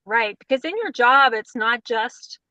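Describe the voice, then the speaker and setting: A woman's voice: on the high side, lively intonation, measured pace, pushed and bright, no echo, muffled recording. A woman interviewer asking friendly, encouraging questions.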